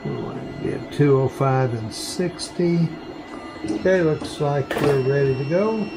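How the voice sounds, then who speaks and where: A man running a 3D print farm, talking slowly and plainly step by step while he works in a workshop full of printers. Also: a little high, music in the background. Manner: slow, plain step-by-step explaining while working. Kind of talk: hands-on workshop demonstration.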